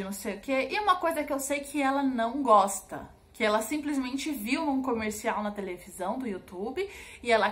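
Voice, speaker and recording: A young mother with a Brazilian Portuguese accent speaks in a slightly high voice. She explains things earnestly in a casual vlog and often repeats words for emphasis. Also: fairly bright tone. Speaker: mother vlogger.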